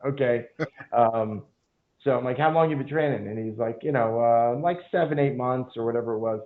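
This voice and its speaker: Heard through phone-like, narrow-band audio, a male jiu-jitsu instructor appears as a podcast guest, speaking at a normal speed in a medium-pitched voice. He rambles through long, casual stories in this storytelling interview, with frequent fillers and swearing.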